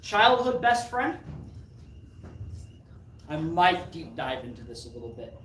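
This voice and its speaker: A low-voiced woman, sing-song and unhurried, entertains an audience at an indoor venue with a live mind reading act and improvised, self-deprecating, playful patter. The recording comes from a distant mic in an echoey room, with faint noise.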